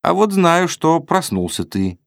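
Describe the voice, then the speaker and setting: A male narrator voicing a lazy, indifferent young woman who answers flatly and sleepily in an audiobook. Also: sits low, a little slow, vocal fry, no echo, studio quality, voice pushed up, heavily acted. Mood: sleepy. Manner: flat, dismissive, yawning.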